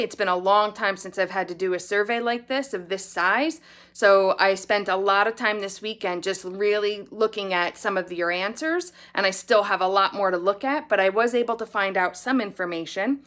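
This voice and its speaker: A woman's voice: medium pitch, a bit bright. A woman speaking as a school principal, giving an earnest, upbeat morning address to children and their families. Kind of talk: morning announcement video address to pupils and parents.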